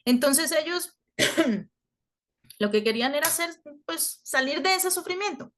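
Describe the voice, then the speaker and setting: A woman teaching through a story, acting out the quoted voices with lively expression. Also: sits high, measured pace, a little hiss or hum. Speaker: religious teacher. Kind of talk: storytelling lesson.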